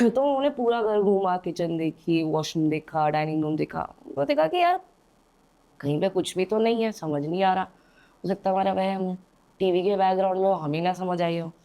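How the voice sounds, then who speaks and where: A young woman tells a story as a podcast guest in an indoor studio, her lowish voice expressive and darkish, moving at a moderate pace. She chats casually, hesitates with fillers, and often checks in with "theek hai," or "okay?"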